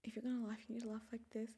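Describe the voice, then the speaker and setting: Here a young African podcast host talks alone into a microphone in a casual, candid, reflective monologue, her words often fading to a near whisper. She has a fairly high, mellow voice with a breathy edge.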